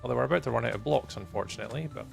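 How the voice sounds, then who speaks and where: Here a man from Scotland, around forties, rattles along rapid-fire while gaming live, chatting with viewers in a rambling, good-natured way punctuated by ums and chuckles. The mid-range voice carries vocal fry, and music plays softly behind him.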